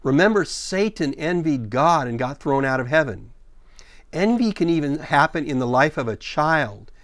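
A man's voice: fairly high pitch, animated, a bit bright, no echo. Middle-aged male pastor preaching, dry sound. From born in Sudan, raised in Ethiopia and America. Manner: expository preaching, reads scripture slowly and deliberately. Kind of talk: sermon.

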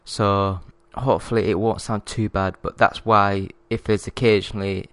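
A man with a Yorkshire accent hosting a casual gaming podcast, talking in a polite, measured way he picked up from years on the phone. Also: on the low side, flat delivery, a bit bright, no room sound. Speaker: podcast host.

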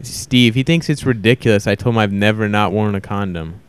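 A man's voice: fairly low pitch, a little fast, clear, resonant tone. Wry, self-mocking man in his thirties. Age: 30s. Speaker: podcast co-host. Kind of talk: crude casual podcast banter.

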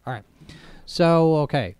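A man hosting a live show, chatting casually through the news in a halting, digressive way. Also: on the high side, expressive, darkish tone, clean tone, no echo. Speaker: host and editor of a live show.

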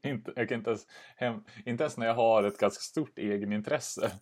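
A man co-hosting a podcast in casual chat, laughing, self-mocking and swearing casually. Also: medium pitch. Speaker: podcast co-host.

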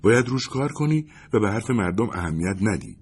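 A curious, teasing young woman from a storybook, lifted well above the reader's own deep register, as a man puts her on. Her voice carries a husky grain and swings widely in pitch, earnest one moment and prodding the next. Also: very animated, exaggerated voice. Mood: reflective. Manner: earnest and prodding, softening to a whisper when sneaking.

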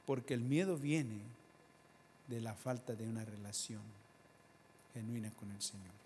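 A man's voice: medium pitch, fairly even intonation, measured pace. Man preaching in an echoing hall. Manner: conversational preaching, rising to loud emphatic peaks, asks the congregation questions. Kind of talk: sermon. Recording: long hall reverb, faint background noise.

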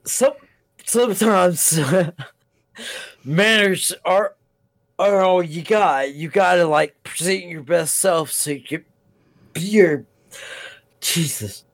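A man's voice: sits high, takes it slowly, vocal fry, long pauses, a bit bright, no room sound. A man co-hosting a casual chat about a TV episode, rambling, restarting his sentences and swearing now and then. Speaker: podcast co-host.

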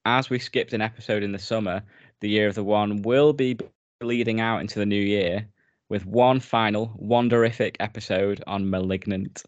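British male podcast co-host, low voice, dull lo-fi mic, chatty and laughing. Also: steady tone, normal speed, no echo. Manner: chatty, laughs often, wraps up with plugs. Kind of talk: casual podcast chat.

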